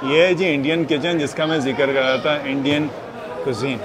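With a crowd audible behind him, a man in his thirties with a voice on the high side narrates his food vlog at normal speed. He's a chatty, enthusiastic vlogger who drops English phrases in while walking through a mall food court and later talking from a hotel room.

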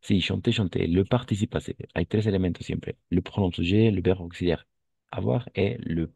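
Gravelly low-voiced man teaching French. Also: darkish tone, no echo. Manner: patient, repeats and spells words out slowly. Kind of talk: online language lesson.

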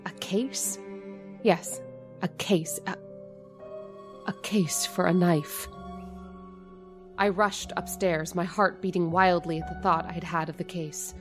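Speaking in a lowish voice, an actress portrays a scared middle-aged landlady and mother in a radio drama. She narrates what she suspects, growing nervous and stammering whenever she gets flustered.

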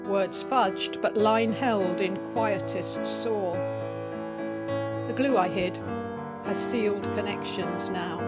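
A woman reciting a reflective poem softly and slowly. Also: mid-range voice. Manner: slow, soft, reflective recitation. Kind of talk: poetry reading over piano. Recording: voice over loud piano music.

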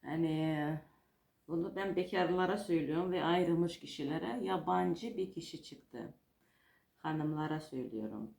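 A woman's voice: low voice, moderate pace, creaky, darkish tone. A woman fortune teller giving an informal, unscripted card reading, explaining hesitantly and repeating herself as she goes. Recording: roomy, echoing home-style recording.

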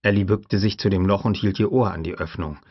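A man with a very low voice narrates an audiobook in a measured, even manner. The sound is dry and close, with a slightly dull, lo-fi quality. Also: husky, dry recording. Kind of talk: scripted narration.

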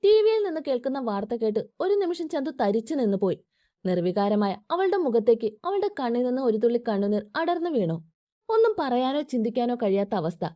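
Woman reading a story, fairly high voice, lively, dull dry recording. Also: a little fast, dry recording. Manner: expressive storytelling. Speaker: narrator. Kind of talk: scripted story narration. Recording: dry, slightly dull audio.

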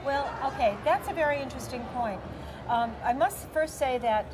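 In a large indoor convention center hall, a middle-aged expo organizer answers interview questions, talkative and full of fillers, gesturing as she speaks. Her voice sits high and moves at a moderate pace, with the busy hall's crowd chatter audible throughout.

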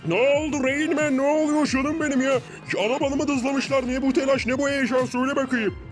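Performer as smug rich man, patronizing, honeyed singsong, very high voice, cartoon parody. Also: fairly even intonation, brisk, faint music behind, natural voice. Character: smug rich man, sweet-talking and dismissive.

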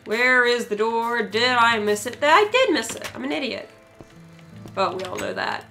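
A woman's voice: fairly high pitch, normal speed, gravelly, bright, forceful tone, faint music behind. A young woman in casual gaming chat with her mother, chatty and self-mocking as she narrates what she sees. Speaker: gamer, daughter playing with her mother.

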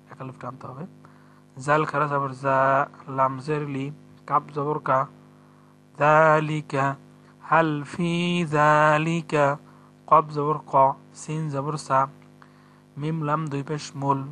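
A man teaching Quran reading step by step, spelling out each letter and vowel mark before slowly chanting the verse. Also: fairly high pitch, sharp tone. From Bangladesh. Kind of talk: step-by-step recitation lesson.

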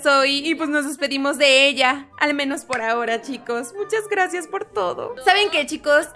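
High-voiced woman gaming with big reactions. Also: bright, forceful tone. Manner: emotional, exclaims and squeals often; talks to viewers as "chicos". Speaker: gaming youtuber. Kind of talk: casual game commentary.

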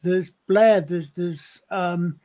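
A man's voice: high voice, extremely slow, dark tone. A man from the UK co-hosting a podcast, talking about old TV in a hesitant way, stammering and restarting sentences. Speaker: podcast co-host. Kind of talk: casual chat about TV shows.

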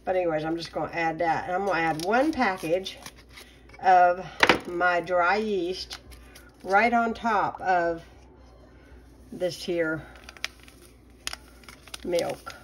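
A middle-aged woman chatting casually through a home baking vlog, relaxed and talkative with plenty of ums. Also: on the low side, slow, pauses often, noisy background. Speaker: home cooking vlogger. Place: home kitchen.

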